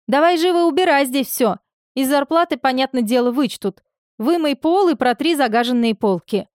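A woman's voice: high-pitched, expressive, normal speed, no room sound, clean studio sound, pitched above the performer's own voice. A woman voicing a stern, bossy female shift supervisor who scolds and orders people around. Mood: scolding. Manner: scolding, commanding.

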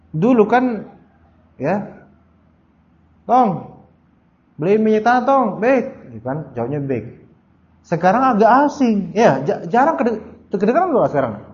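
A man under forty from Jakarta giving a casual religious study lecture as a preacher, talking chattily and turning to his listeners with frequent asides. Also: a little high. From Jakarta, Indonesia. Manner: chatty, addresses audience directly with frequent asides. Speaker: Islamic preacher. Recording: dull lo-fi lecture recording.

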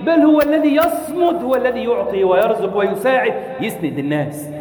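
A man's voice: very high-pitched, brisk, a little mellow. A man preaching a sermon, speaking with passion, repeating phrases for effect and sometimes slipping into a chant. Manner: impassioned, rhetorical repetition, sometimes chanting. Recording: echoey hall reverb.

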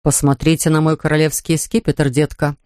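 A man's voice: on the high side, little pitch movement, moderate pace, a little mellow, no echo, studio quality, pitched below the performer's own voice, natural voice. A man voicing an amorous, indulgent young lover. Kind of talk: audiobook character reading.

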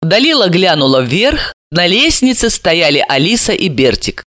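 Lively woman narrating an audiobook. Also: lowish voice, normal speed, no room sound, clean studio sound.

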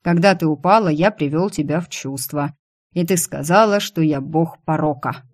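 A woman reading an audiobook, voicing a male boss who teases and mocks, sometimes shouting. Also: fairly high pitch, normal speed, natural voice. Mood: teasing. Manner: mocking, playfully teasing, bursts into yelling. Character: teasing, mocking male boss, quick to shout.

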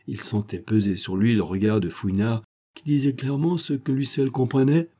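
A man narrating an audiobook in a steady, measured storytelling manner. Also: medium pitch.

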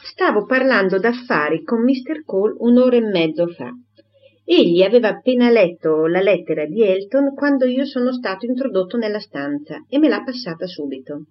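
A woman reading a composed, teasing gentleman. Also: mid-range voice, expressive, normal speed, lo-fi sound, voice pushed up, close to an everyday voice. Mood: matter-of-fact.

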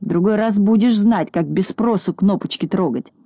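A woman voicing a boastful, quick-tempered little boy in a children's storybook, bossy and scolding. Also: mid-range voice, dry recording, lightly acted. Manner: bossy, scolding, easily excited.

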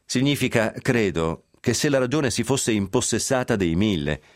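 A man's voice: mid-range voice, animated, moderate pace, no room sound, studio quality. A man reading a scripted history piece on the radio, telling it with a wry, ironic edge and sly asides. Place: radio studio.

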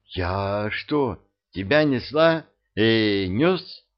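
A man voicing a brash, sharp-tongued young princess who speaks in curt, blunt retorts. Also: lowish voice, expressive, very slow. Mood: indignant. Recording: dull lo-fi audio.

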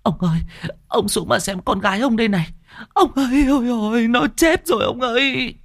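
Frantic storybook mother, middle-aged, high shrill cries; man voices her. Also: a little fast, fairly bright tone, dry recording, studio quality. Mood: frantic wailing.

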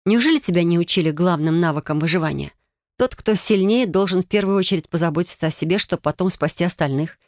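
A woman's voice: fast talker, darkish tone, no echo, clean studio sound, natural voice. A woman playing an urgent young witch. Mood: stern. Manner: higher, urgent, scolding.

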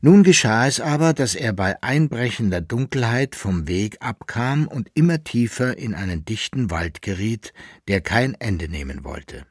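Husky man narrating a novel. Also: mid-range voice, expressive, unhurried, dry recording, clean studio sound. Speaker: reader. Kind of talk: audiobook narration of a historical novel. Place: radio studio.

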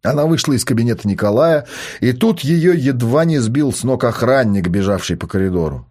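A man narrating an audiobook with lively, expressive storytelling. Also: mid-range voice, a little fast.

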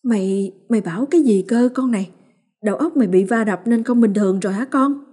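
A woman voicing a fierce, protective village mother who scolds and shouts in rapid bursts, as a character in an audiobook. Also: a little high, pitched above the performer's own voice, lightly acted. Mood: anxious.

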